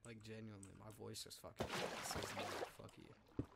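A man's voice: lowish voice, monotone, fast talker, vocal fry, very noisy. A man bantering casually over a game, crude and swearing heavily. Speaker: gaming podcast co-host. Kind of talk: casual chat while gaming.

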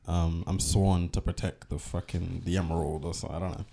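A man's voice: low voice, level tone, a little fast, vocal fry, mellow. A young man co-hosting a casual late-night podcast, laid-back and joking, swearing casually. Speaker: podcast co-host.

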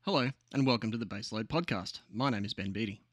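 A man's voice: on the low side, fast, over loud music. An Australian man narrating a scripted podcast as host, sardonic and opinionated.

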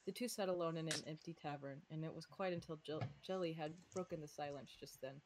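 Low-voiced woman with a slight lisp. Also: fairly quick, noisy background. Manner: giggly aside-prone reading. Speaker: fanfic reader and author. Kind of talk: reading her own fanfic aloud to friends.

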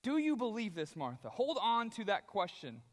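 High-ish guy preaching, chatty storyteller vibe, long echo like a big church hall. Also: normal speed. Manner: conversational, animated storytelling with acted quotes. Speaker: pastor. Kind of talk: sermon. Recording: long reverb of a large hall.

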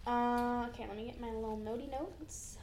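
A woman's voice: fairly high pitch, normal speed, a little mellow, soft background music. A young woman co-hosting a movie review podcast, chatting casually in a giggly, rambling way, recorded in an echoey room at a friend's house. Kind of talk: casual chat.

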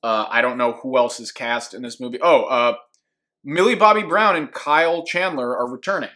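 An enthusiastic man talks casually about upcoming films, laughing often and filling pauses with "uh" and "um." His voice sits at an ordinary middle pitch for a man. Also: bright, forceful tone. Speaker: podcast co-host.

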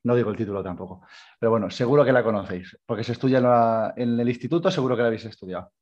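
A man's voice: medium pitch, rapid-fire, darkish tone. A man from Spain co-hosting a podcast, casually retelling an old tale and acting out the characters' lines. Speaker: podcast co-host. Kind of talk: casual storytelling. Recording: slightly dull lo-fi audio.

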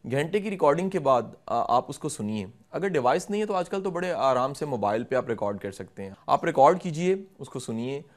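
Middle-aged man, interview guest, patient explainer who turns to address the viewers, mid pitch. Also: sing-song, a little fast, few pauses. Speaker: guest speaker on communication. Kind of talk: instructive interview answers.

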